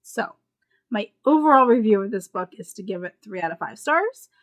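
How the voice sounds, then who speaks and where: This woman reviews books informally, thinking aloud in rambling, unstructured sentences. She has a mid-range, expressive voice and talks at an ordinary pace.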